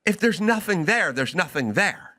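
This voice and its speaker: Bright, forceful man ranting. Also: high voice, big pitch swings, moderate pace. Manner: argumentative, acts out both sides of imagined exchanges. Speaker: podcast host. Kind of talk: opinionated comedic rant.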